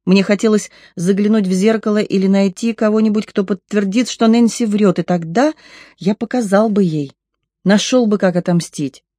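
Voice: mid-range voice, steady tone, normal speed, dark tone, no room sound, clean studio sound. Чтец, ровное повествование от первого лица. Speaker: audiobook narrator. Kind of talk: first-person audiobook narration.

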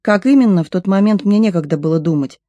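An audiobook narrator reading a first-person story in a measured, expressive way. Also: medium pitch, no echo, muffled recording.

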